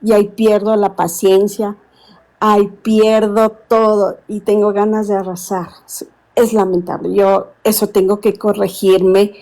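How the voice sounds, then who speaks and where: A woman, calling in to a live stream and speaking earnestly, often pausing to search for words. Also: mid-range voice, little pitch movement, dark tone, low-quality recording. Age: 60s. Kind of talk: casual call-in chat.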